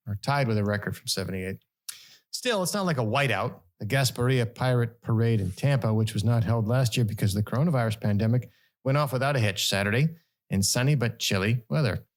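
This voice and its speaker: Wry asides and sudden pitch leaps color the way this middle-aged man reads news items aloud as a podcast co-host, keeping things jokey.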